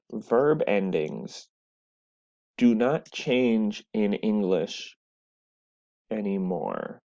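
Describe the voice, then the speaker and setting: Low-voiced male teacher lecturing. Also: darkish tone, muffled recording. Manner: explanatory, with frequent "right?" and "so". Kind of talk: recorded classroom lecture. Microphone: webcam.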